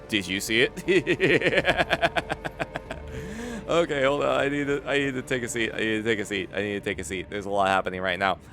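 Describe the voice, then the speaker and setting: A man chatting excitedly as a game livestreamer, animated and often repeating his phrases. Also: lowish voice, very fast, hardly any pauses, over music. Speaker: live streamer. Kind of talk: excited gaming livestream chat.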